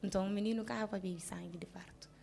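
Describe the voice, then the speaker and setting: A woman with a Cape Verdean Creole accent telling a personal story in an interview, halting and restarting, often asking if the listener understands, subdued with sudden bursts of emphasis. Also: medium pitch, steady tone, creaky, a little mellow, a little hiss or hum. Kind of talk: personal account in a casual interview.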